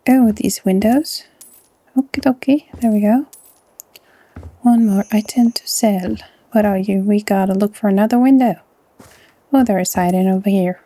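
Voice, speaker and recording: A woman with a Norwegian accent hosting a casual let's-play, chatty and often dropping into a soft half-whisper. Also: medium pitch, moderate pace, pauses often, no room sound. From Norway. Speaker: gaming channel host.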